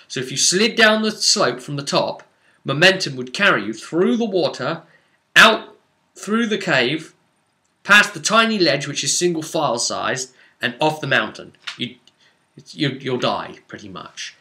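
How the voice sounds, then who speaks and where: This man's voice is medium in pitch, bright and forceful. He tells the story of a tabletop role-playing session he ran as game master, rambling informally, piling on descriptive detail and hitting key words with dramatic emphasis.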